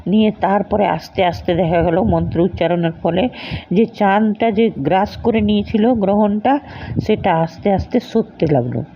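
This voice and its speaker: A woman's voice: mid-range voice, normal speed, slight background noise. A woman casually retelling the plot of a TV serial, loose and hesitant, with many filler sounds. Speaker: storyteller recapping a TV serial. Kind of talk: casual spoken story recap. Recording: dull lo-fi recording.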